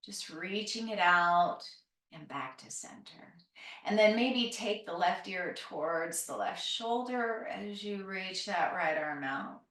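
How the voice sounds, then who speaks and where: A woman yoga instructor leading a calm grounding exercise, giving gentle, unhurried, encouraging cues for stretching and breathing, with phrases that end softly. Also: medium pitch. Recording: roomy, echoing, distant microphone.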